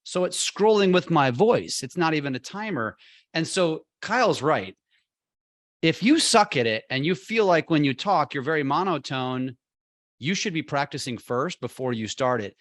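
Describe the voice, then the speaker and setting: An emphatic, persuasive man hosts a podcast debate, punching key words in quick bursts. His voice sits a little high for a man. The sound is close and dry. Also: lively intonation, a bit bright, dry recording. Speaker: podcast host.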